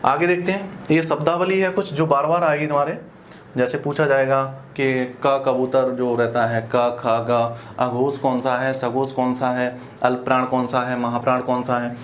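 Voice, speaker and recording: A man's voice: mid-range voice, level tone, moderate pace, a little hiss or hum. A male teacher giving an exam-prep grammar lesson. He explains step by step in a colloquial way and often stops to ask whether the class is following. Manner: explains step by step with frequent check-in questions; colloquial, uses "apan" for "we".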